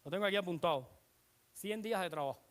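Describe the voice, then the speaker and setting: A preacher giving an animated sermon, retelling scripture with dramatic emphasis and asking the congregation rhetorical questions. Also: medium pitch, fast talker.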